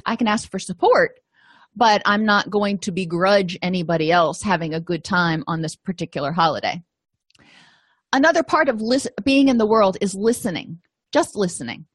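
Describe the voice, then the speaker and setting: A woman's voice: medium pitch, no room sound. Chatty middle-aged woman lecturing, dry sound. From Florida, USA. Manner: chatty, self-deprecating, asides with "you know". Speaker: counseling course instructor. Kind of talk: informal lecture.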